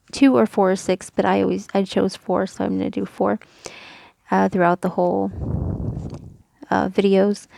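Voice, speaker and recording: A woman's voice: medium pitch, vocal fry, mellow, no echo. A woman teaching a recorded reading lesson, explaining each rule step by step in a patient, methodical way with frequent ums and small self-corrections.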